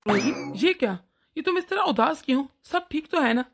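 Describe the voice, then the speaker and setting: Woman voicing a caring young husband, high voice. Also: sing-song, moderate pace, soft background music. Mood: concerned. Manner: concerned, reassuring. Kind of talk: cartoon voice acting.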